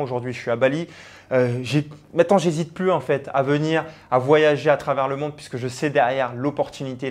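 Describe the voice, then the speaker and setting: A young man, a personal branding coach, talking earnestly and directly to the viewer in a motivational vlog, with frequent fillers. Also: on the high side. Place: abroad on travel.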